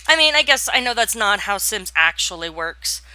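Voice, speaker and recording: This gaming channel host, a young woman, narrates her home build in a loose, casual voice-over. Her mid-range voice is bright, forward and sing-song at a moderate pace, and her delivery is hesitant and rambling, with lots of fillers, restarts, yawns and laughs. The audio is dry with no room sound.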